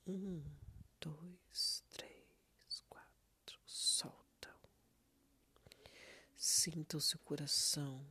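In a breathy, near-whispered voice of medium pitch and steady tone, a meditation guide with a Brazilian accent gives calming instructions. Long pauses fall between each prompt.

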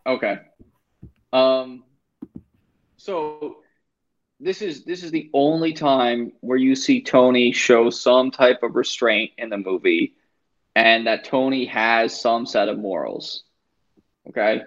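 A man's voice: medium pitch, slow, pauses often. Man recapping a film, muffled audio. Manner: animated storyteller, emphatic recaps. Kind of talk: casual chat retelling a film plot.

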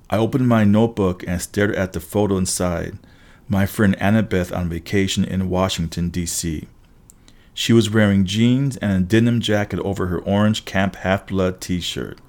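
A man's voice: fairly low pitch, darkish tone. A man reading an audiobook aloud in a wry, conversational first-person storytelling manner. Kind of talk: audiobook narration.

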